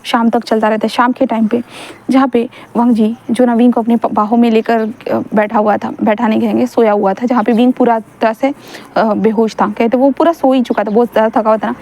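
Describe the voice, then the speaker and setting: A young woman chats her way through a story she wrote, rambling and frequently pausing to correct herself. Her slightly high voice is soft and mellow, and she speaks fairly quickly with a flat delivery.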